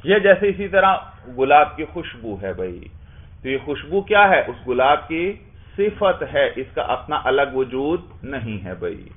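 A man's voice: mid-range voice, very animated. A man teaching a class, explaining step by step and asking his students questions that he then answers himself. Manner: explains with repeated questions and answers, often adds "bhai". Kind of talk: classroom lecture. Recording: tinny phone-like sound.

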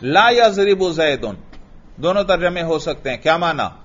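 A man teaching Arabic grammar in to a class, slowly repeating phrases and quizzing his students. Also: fairly high pitch, expressive, a bit bright, highs cut off. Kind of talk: classroom lesson.

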